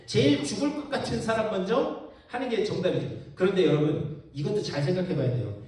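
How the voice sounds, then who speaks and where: Animated male pastor in an echoey church. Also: sits high, brisk. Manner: animated storytelling, asks the audience questions. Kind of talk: Bible-study sermon. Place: church sanctuary. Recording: echoey church hall from far off.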